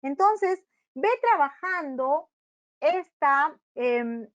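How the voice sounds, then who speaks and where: A woman from Peru leads an instructional webinar for parents of small children. Her voice sits high, and she explains patiently, slowing down to sound out words syllable by syllable. The audio is dull and lo-fi. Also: animated. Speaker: early-childhood education presenter.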